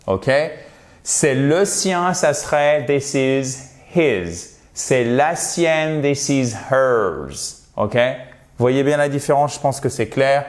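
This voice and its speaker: A man's voice: medium pitch, animated, takes it slowly. A man teaching a language lesson, spelling out and repeating example phrases and checking in often with short questions. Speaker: English teacher.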